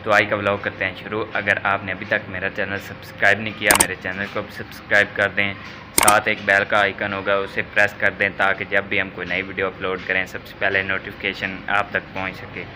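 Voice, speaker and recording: A Pakistani vlogger with a slightly sore throat walks down a village lane outdoors toward a shop, chatting casually and speaking straight to his viewers. His voice is lowish, monotone, and brisk, with background noise in the recording.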